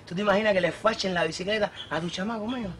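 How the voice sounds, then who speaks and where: Swaggering Cuban accomplice. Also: male voice, sits high, rapid-fire, a bit bright, a little hiss or hum. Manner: boastful, threatening street slang. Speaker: thief's accomplice. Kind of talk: Cuban TV police drama acting.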